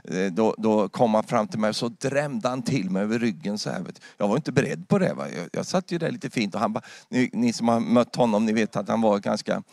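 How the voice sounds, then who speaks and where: A man with a Swedish accent preaching a sermon in a church, calling out halleluja and climbing to loud, fervent peaks. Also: fairly low pitch, gravelly, few pauses, dry recording. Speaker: pastor.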